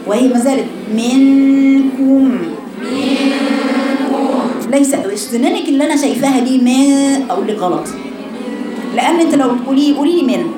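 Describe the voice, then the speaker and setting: A woman with an Egyptian accent who teaches Quran recitation. She corrects her students and shows each sound by repeating it slowly. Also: high voice. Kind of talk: tajweed lesson correcting students. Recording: echoey room with noise.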